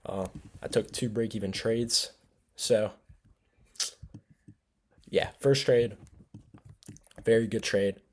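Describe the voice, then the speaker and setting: A man's voice: on the low side, fairly even intonation, slow, pauses often, a little mellow. A sleepy young man casually recapping his trades, rambling with lots of fillers and self-corrections. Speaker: trading vlogger. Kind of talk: casual screen-share recap.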